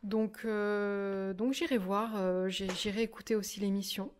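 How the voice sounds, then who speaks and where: A woman's voice: mid-range voice, steady tone, a little slow, a little hiss or hum. Woman, 30s, home vlogger, hesitant, filler-heavy casual chat. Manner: hesitant, many fillers and restarts. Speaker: vlogger reviewing books. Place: at home by her desk.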